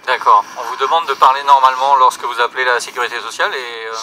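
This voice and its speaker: A man hosting a live radio debate, interviewing guests with hesitant phrasing and frequent pauses. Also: mid-range voice, steady tone, pushed and bright, slight background noise, poor audio. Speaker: radio host.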